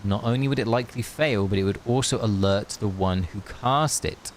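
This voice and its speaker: Faint hiss runs through this game livestream, where a man with a fairly low voice talks at a moderate pace. He keeps things matey and laid-back, joking around, chatting and reading out loud.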